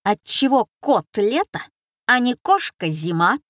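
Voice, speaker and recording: Lady doing a high pushy little schoolboy, nags with silly questions, storybook reading. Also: big pitch swings, a bit bright, dry recording, studio quality. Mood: pestering. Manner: insistent, rapid-fire questioning. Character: schoolboy boy, cheeky, pestering with pun questions.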